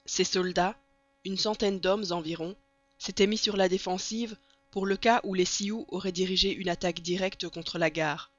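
An audiobook narrator reading a classic novel in an even, steady storytelling manner. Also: medium pitch, normal speed, no echo. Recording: dull lo-fi recording.

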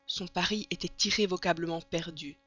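Steady audiobook narrator, dull lo-fi sound. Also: medium pitch, normal speed. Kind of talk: scripted narration of a classic novel. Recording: dull lo-fi recording.

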